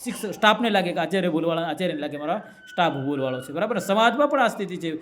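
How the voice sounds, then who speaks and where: A man with a high, fairly bright voice races through a motivational talk at a community gathering, animated as he tells a folk parable. He keeps turning to the crowd with "right?", and there's a little hiss or hum on the recording.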